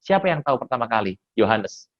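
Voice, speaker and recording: A man's voice: medium pitch, fast, muffled recording. A male pastor with an Indonesian accent preaching casually, telling stories animatedly and joking with the congregation. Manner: animated storytelling, acts out quoted voices; colloquial, jokes with the congregation. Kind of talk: sermon.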